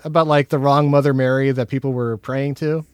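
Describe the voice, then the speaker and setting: A man's voice: medium pitch, flat delivery, fairly quick, clean tone, no echo. A man hosting a casual film chat podcast, talking in a jokey way with touches of mock-formal showman patter. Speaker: podcast host.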